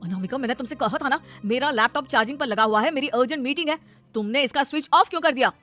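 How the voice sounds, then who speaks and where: Doing cartoon voice acting, a woman plays a short-tempered young office-worker husband who pleads with his wife, then scolds her. Her voice is high, fast and a bit bright, with soft music in the background, and the mood is scolding.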